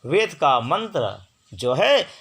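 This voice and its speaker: Man w slowly spelling out sounds, bright voice, pitch jumps around a lot. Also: slightly rough. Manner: slow, drawn-out syllables, sounds each letter out; lively, rising and falling pitch for emphasis. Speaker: spiritual teacher. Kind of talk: teaching Hindi and Sanskrit pronunciation.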